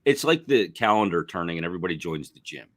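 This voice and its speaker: A man working as a hockey analyst, talking casually with a rough voice from illness, rambling with restarts. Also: sits low, expressive, quick pace, fairly bright tone, no room sound. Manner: rambling, restarts, self-deprecating. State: sick, rough voice. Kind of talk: casual sports chat.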